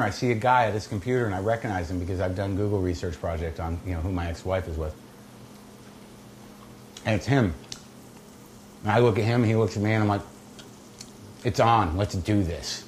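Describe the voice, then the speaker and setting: A middle-aged American man with a fairly low voice talks casually as he cooks and tells stories. His delivery is wry, blunt and salty, like someone chatting to a friend. Clear kitchen noise sits behind him. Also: brisk, pauses often. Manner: wry, blunt, profane, conversational. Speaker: host of a comedy cooking show. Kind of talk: casual cooking demonstration with anecdotes.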